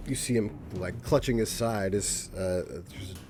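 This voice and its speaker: A man narrating a tabletop fantasy game as game master, with measured, hesitant, descriptive phrasing. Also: on the low side, noisy background. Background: background music.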